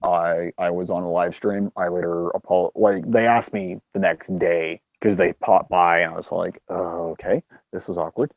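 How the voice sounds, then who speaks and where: A man's voice: low voice, steady tone, normal speed, gravelly, hardly any pauses, dry recording. A man in casual, profane chat on a group livestream, laughing often and swearing freely. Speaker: stream co-host. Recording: dry, muffled call audio.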